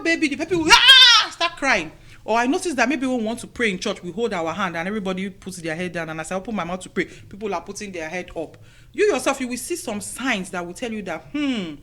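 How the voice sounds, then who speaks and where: A woman's voice: lowish voice, a little hiss or hum. Woman, middle-aged, radio host, casual advice chat, motherly, chatty, studio mic. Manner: chatty, motherly, peppered with "you know". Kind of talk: casual advice talk to women listeners.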